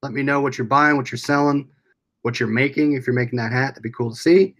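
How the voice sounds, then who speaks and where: A man's voice: mid-range voice, quick pace, fairly bright tone. An American man hosting a casual livestream, rambling along as he reads and answers viewers' comments aloud. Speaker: livestream host.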